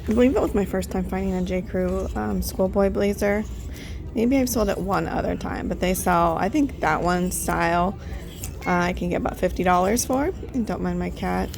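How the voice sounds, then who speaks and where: A woman talks through her thrift finds in a casual vlog, chatty and thinking aloud as she goes. Her voice carries a noticeable gravelly fry, with a faint hum of background noise behind her. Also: on the low side, normal speed. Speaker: reseller vlogger.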